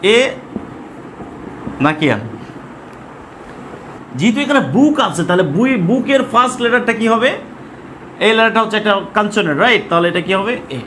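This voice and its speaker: A man's voice: high voice, expressive, normal speed, long pauses, fairly bright tone, a little hiss or hum. A man with a Bangladeshi accent teaching an English grammar class, asking questions and repeating words as he drills students.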